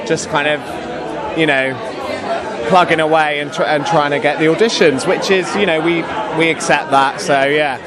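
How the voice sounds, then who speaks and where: Enthusiastic British man, slightly high-pitched voice. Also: steady tone, moderate pace, over a noisy crowd. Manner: enthusiastic, gushing. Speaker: pantomime actor and singer. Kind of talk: casual interview chat.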